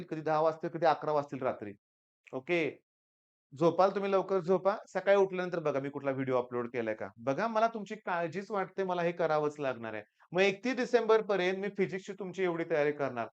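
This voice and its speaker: A man's voice: a little high, clear, resonant tone, muffled recording. A man in his forties with a Marathi accent, a teacher giving students an earnest, reassuring motivational talk, tired and with a weaker voice than usual, often asking "okay?". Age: 40s.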